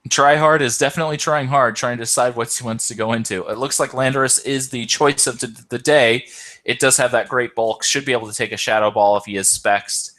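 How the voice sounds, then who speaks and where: A man's voice: mid-range voice, steady tone, fairly quick, a bit bright. A tired man hosting and commentating an online game tournament, hesitant, with many ums and self-corrections. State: tired, yawning.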